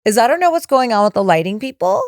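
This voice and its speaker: A woman's voice: fairly high pitch, big pitch swings, quick pace, a little mellow, dry recording, clean studio sound. A woman co-hosting a casual talk show, laid-back and hesitant, full of "like" and "I mean". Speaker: podcast co-host. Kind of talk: casual chat.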